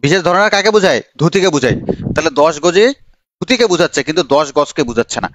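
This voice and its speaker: Quick, chatty male teacher. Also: on the high side, lively intonation, a bit bright, a little hiss or hum. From Bangladesh. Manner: chatty, teasing, calls on students by name. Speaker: admission coaching teacher. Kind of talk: live online grammar class.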